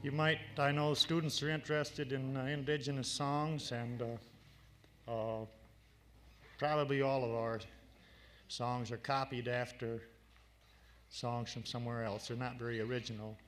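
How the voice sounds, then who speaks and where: Slow folksy older man with guitar. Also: medium pitch, level tone, a bit bright, slight background noise. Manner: slow, folksy, dry humor. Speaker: folk singer and storyteller. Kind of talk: folk song introductions and stories at a gathering.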